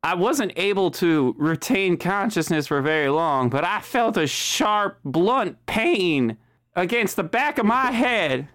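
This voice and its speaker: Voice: medium pitch, animated, takes it slowly, a bit bright. A game master voicing a dramatic man who lost his British accent, in an over-the-top, theatrical manner.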